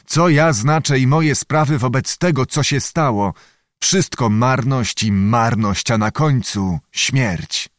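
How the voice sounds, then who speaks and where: A man's voice: mid-range voice, takes it slowly, no room sound, clean studio sound, close to an everyday voice. A man reading an audiobook, voicing a weary, despairing knight who speaks in a resigned tone.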